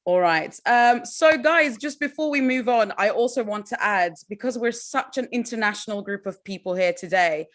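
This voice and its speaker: Her fairly high voice moves at normal speed with hardly any pauses as she MCs an online award show by video call. She's upbeat and encouraging, calling everyone "guys."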